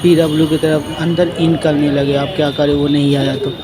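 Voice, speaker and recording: Young man narrating a vlog, flat delivery. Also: fairly high pitch, normal speed, noisy background. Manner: plain retelling in a loose, repetitive way. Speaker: vlogger. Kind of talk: casual vlog voice-over narration.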